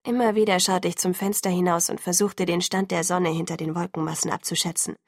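A woman narrating a first-person novel as an audiobook in a measured, even way. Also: fairly low pitch, dry recording, clean studio sound. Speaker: audiobook reader.

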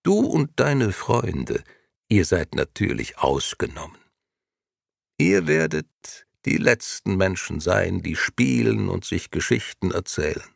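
A man's voice: sing-song, takes it slowly, creaky, no room sound, studio quality, exaggerated voice. A man voicing a cold, disembodied menacing voice that coaxes and threatens by turns. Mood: coaxing. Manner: coaxing, then shrill and commanding.

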